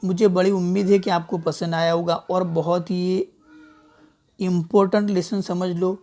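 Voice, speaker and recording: A man's voice: sits high, level tone, measured pace, darkish tone. A man teaching an Urdu lesson, patiently contrasting wrong and right pronunciations and repeating words for learners. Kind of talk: online language lesson. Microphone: small clip-on mic.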